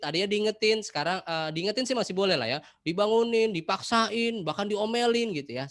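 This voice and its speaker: A man giving an online class talk to schoolchildren, lively and addressing them directly over a video call. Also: a little high, dry recording, studio quality. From Jakarta. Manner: lively, addresses children directly, acts out examples. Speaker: presenter for schoolchildren.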